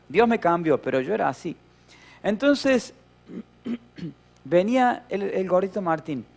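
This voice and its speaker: Middle-aged Rioplatense male pastor, high gravelly voice, playful storytelling sermon. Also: very animated, slow. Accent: Rioplatense Spanish. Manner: storytelling with playful humor, acting out shouts and voices.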